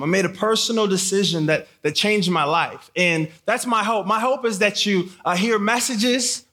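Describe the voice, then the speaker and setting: Speaking in a high, slightly bright voice, an American guest camp preacher addresses a live teen audience conversationally. Born in Haiti and raised in Michigan, he casually repeats phrases and poses questions to the crowd.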